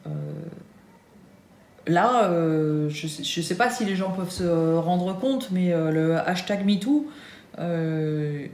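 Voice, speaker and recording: With a fairly low, slightly mellow voice, this animated French woman in her thirties talks slowly about working for Nike in the US in a casual vlog. She stumbles with lots of fillers and restarts, and the room echoes with a faint hum.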